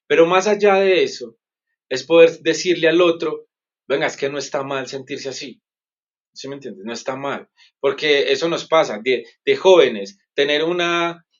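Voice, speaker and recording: A man's voice: mid-range voice, dull audio. A man, a psychologist guest in a conversational interview, explaining earnestly and asking "¿sí me entiendes?" often. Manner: earnest, explanatory, self-correcting.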